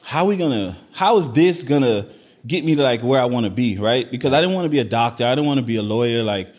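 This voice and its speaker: A young adult man from Miami, a podcast guest telling his backstory in relaxed conversation, often tagging his sentences with "right?". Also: medium pitch, quick pace. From Miami, Florida. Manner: laid-back, peppers speech with "right?". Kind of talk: casual conversation.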